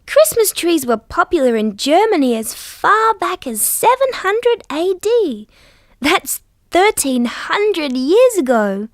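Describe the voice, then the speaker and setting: Kids' show dinosaur: Australian accent, gentle storyteller, very lively intonation, slow careful diction, close dry sound. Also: female voice, very high voice, dry recording, full character voice. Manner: sweet, patient, carefully enunciated. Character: friendly, gentle female dinosaur teaching young children. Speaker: children's show character. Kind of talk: scripted storytelling for small children.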